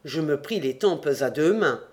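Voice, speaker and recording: A man reading an adventure novel aloud with measured storytelling. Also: a little high, animated. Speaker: audiobook reader.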